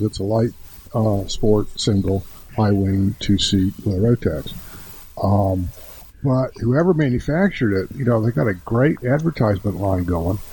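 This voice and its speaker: A man's voice: medium pitch, dark tone, slight background noise, rough recording. A man co-hosting a casual podcast, speaking in a dry, wry and somewhat hesitant way. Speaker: podcast co-host.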